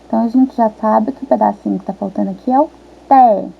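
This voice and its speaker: A woman primary school teacher, patiently walking young children through a worksheet and sounding out syllables slowly. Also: on the high side, creaky, slightly rough. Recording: tinny phone-quality audio.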